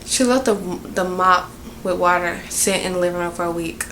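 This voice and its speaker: A young woman with a Southern American drawl rambles through a casual storytime vlog, venting in a chatty way with plenty of fillers. Her voice sits a touch low, with a faint hiss of noise underneath. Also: normal speed, a bit bright. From Southern United States. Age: young adult. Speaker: vlogger. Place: at her workplace.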